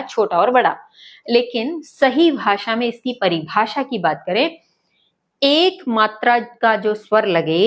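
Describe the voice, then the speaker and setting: A woman teaching a lesson to schoolchildren, speaking patiently, repeating points and checking that they follow. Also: a little high. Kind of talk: online lesson.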